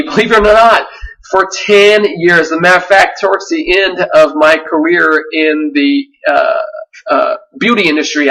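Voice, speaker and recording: Bright-voiced man pitching a webinar, mic distant. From Vietnam. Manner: earnest, with frequent fillers and restarts. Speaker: webinar presenter.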